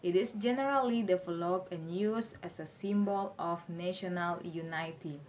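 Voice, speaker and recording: A young woman from Maluku with an Indonesian accent, giving a class presentation in halting English with many fillers. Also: fairly low pitch, a little mellow, slight background noise. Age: young adult. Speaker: student presenter.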